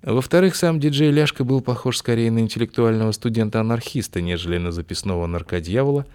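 A man narrating an audiobook in a lively, ironic storytelling manner. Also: mid-range voice, fast, clear, resonant tone. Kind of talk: scripted narration.

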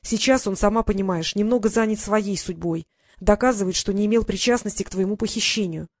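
A woman's voice: mid-range voice, brisk, dry recording, clean studio sound, natural voice. A woman voicing an earnest, talkative teenage boy who explains things at length. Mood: insistent.

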